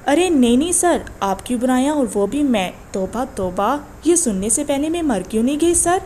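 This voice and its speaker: A woman's voice: sits high, lively intonation, dark tone, slight background noise. A woman doing a feisty, sarcastic young woman. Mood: protesting. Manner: grumbling, sarcastic, flustered.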